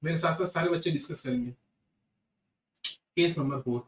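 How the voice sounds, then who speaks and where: A man's voice: fairly high pitch, moderate pace, slight background noise. Indian guy teaching a class, repeats himself a lot, kinda far from the mic, echoey and dull sound. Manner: animated, repeats points, addresses students as "beta" and "sahab". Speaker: GST lecturer. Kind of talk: classroom lecture. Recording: echoey room, distant muffled mic.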